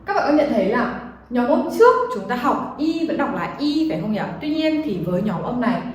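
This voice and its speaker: A woman teaching Chinese pronunciation, explaining slowly and clearly and repeating model syllables for learners to copy. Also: fairly high pitch, very animated. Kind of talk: pronunciation lesson. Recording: very echoey room, faint noise.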